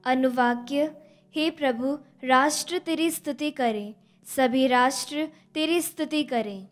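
Young woman, 20s, lectern reader, bright high voice, slow measured delivery, stand mic. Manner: even, deliberate recitation of scripture and psalm. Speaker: scripture reader at Mass. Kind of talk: slow, measured liturgical reading. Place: indoor studio chapel.

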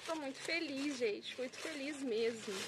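A woman's voice: high voice, normal speed, noisy background. A woman with a Brazilian Portuguese accent, unboxing plants for her vlog in an effusive, exclaiming way, often turning to her viewers. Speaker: plant vlogger.

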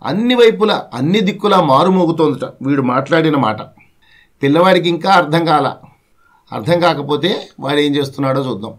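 A man's voice: fairly high pitch, animated, brisk. A man reciting a Telugu children's poem line by line, then explaining each verse in plain everyday speech like a teacher.

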